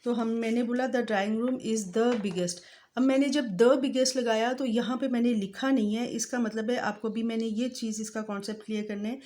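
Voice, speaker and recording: A woman teaching English grammar in a patient voice-over, slowly spelling out word forms. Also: a little high, steady tone, a little mellow. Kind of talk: grammar lesson explained over slides.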